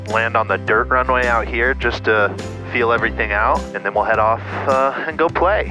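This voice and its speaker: A man talking casually to viewers as a pilot and host, thinking aloud and narrating what he does in a small plane cockpit. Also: lowish voice. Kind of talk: casual vlog talk to viewers while flying. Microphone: aviation headset.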